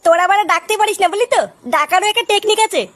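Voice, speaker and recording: A woman's voice: very high voice, racing, fairly bright tone. A woman voicing a brash young male village club lad who talks in crude, cheeky slang.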